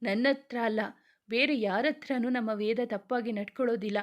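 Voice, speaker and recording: Gentle young wife, motherly and soothing, read by a woman storyteller. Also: on the high side, normal speed, dull audio, natural voice. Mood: tender, comforting. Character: caring elder sister-in-law, gentle woman.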